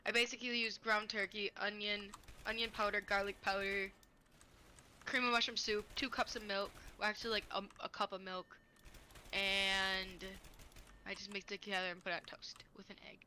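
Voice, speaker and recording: A woman's voice: mid-range voice, little pitch movement, normal speed, sharp tone, slight background noise. A woman chatting casually on a voice call, often trailing off mid-thought.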